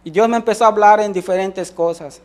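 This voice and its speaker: This man speaks in a high pitch and a little quickly. Sharing his testimony in a sermon, he has a Mexican Spanish accent, keeps restarting as he tells the story, and voices the characters' quoted lines himself.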